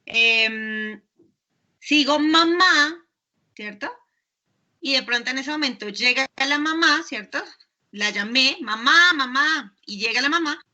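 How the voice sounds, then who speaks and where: A woman's voice: sits high, sharp tone, dull audio. A woman giving an online university class. She explains patiently and keeps checking in with her students. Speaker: university lecturer.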